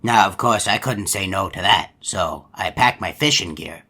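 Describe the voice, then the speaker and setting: An actor playing a folksy, long-winded, gullible hippo animatronic in a video game, telling stories in a polite, meandering way. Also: male voice, low voice, moderate pace, pushed and bright, slightly rough, exaggerated voice. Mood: genial, reminiscing. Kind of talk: video game character monologue.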